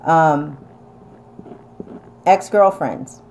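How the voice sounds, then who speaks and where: A woman's voice: low voice, extremely slow, gravelly, darkish tone, a little hiss or hum. Blunt woman with an upstate New York accent. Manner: emphatic, chatty, blunt. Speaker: vlogger reading viewer comments. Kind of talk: casual advice chat.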